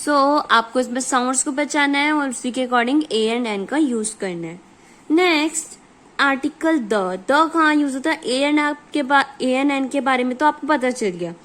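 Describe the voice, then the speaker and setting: Woman, teacher, slow patient explaining, higher voice. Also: fairly bright tone. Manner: explains patiently, reads example sentences slowly. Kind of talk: grammar lesson.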